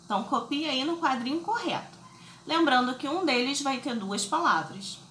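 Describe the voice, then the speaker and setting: A woman's voice: sits high, animated, moderate pace, a bit bright, echoey room, a little hiss or hum. A woman teaching children a recorded lesson, explaining patiently step by step and checking in often. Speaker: schoolteacher.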